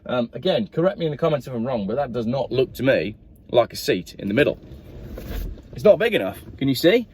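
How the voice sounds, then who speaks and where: Very animated and brisk, a car reviewer with a medium-pitched, darkish voice chats through a car's history and receipts, rambling and often quizzing the viewer directly. A slight hiss or hum sits under the recording.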